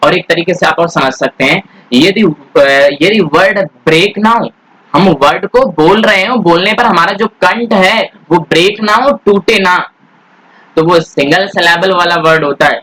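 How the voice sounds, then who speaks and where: A man teaching English grammar, speaking Hindi mixed with English words in an Indian accent. He asks questions and then answers them himself, and he draws out the English words slowly. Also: sits high, pushed and bright, low-quality recording. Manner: addresses students as "beta", asks and answers his own questions. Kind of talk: classroom grammar lesson.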